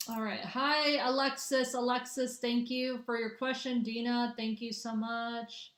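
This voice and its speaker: In an echoey room, a young woman from the Midwest hosts a laid-back livestream of spiritual readings, using a phone or webcam. Her fairly high, slightly bright voice stays level at a measured pace, though her chatter with viewers meanders and restarts a lot.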